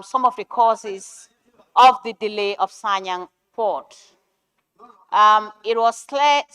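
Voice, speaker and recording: Female legislator, crisp and slightly high, delivering formal, insistent parliamentary remarks. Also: a bit bright, poor audio. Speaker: member of parliament.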